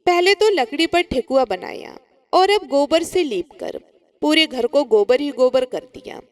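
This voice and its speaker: A woman's voice: high-pitched, lively intonation, a little slow, darkish tone, dry recording. A woman voicing a scornful, irritable young daughter-in-law in a told story. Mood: irritated. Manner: irritated, scolding.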